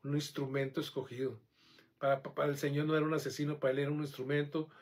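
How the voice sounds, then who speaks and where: Animated higher-voiced preacher man. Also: fast talker. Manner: animated, conversational, asks the congregation questions. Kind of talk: sermon.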